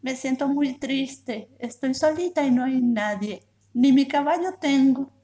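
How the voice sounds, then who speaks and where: Woman putting on a little girl's voice, high-pitched, stubborn and sad, storybook reading. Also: lively intonation, normal speed, a little mellow. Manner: pleading, high and childlike.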